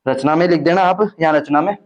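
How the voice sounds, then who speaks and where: A fast-talking man with a fairly high voice teaches a maths class, breaking into joking asides and teasing banter with his students. The classroom recording is dull and lo-fi.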